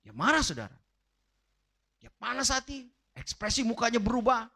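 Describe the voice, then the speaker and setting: A man's voice: very high voice, sing-song, normal speed, creaky, bright, forceful tone. A man preaching a sermon with an emphatic, rising and falling delivery, often turning directly to his congregation. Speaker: pastor. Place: church livestream.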